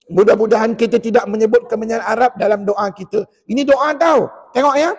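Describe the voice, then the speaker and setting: Malaysian Malay man, tajwid teacher, very high voice, patient explainer who chants verses slowly; mosque hall reverb. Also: a little mellow, breathy edge. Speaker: Quran recitation teacher. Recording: long echo of a mosque hall.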